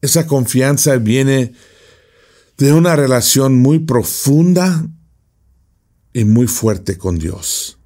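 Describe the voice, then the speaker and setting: Male preacher, mid-pitched, slow and deliberate Bible-study delivery with rhetorical tag questions. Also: lively intonation, mellow.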